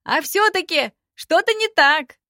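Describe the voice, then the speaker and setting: A shrill, prying young man from a fantasy storybook, as a woman puts him on. His voice jumps very high and loud with every suspicious question. It sounds close and dry. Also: expressive, a little slow, dry recording, heavily acted. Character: nosy sharp-eyed young male companion.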